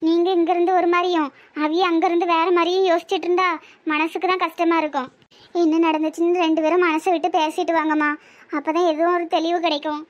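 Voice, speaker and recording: A woman's voice: very high voice, level tone, fast talker, muffled recording. A woman doing a coaxing village daughter with a Tirunelveli accent. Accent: Tirunelveli Tamil. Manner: coaxing, reasoning, gently pleading. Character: patient adult daughter, a coaxing mother. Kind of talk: cartoon voice acting.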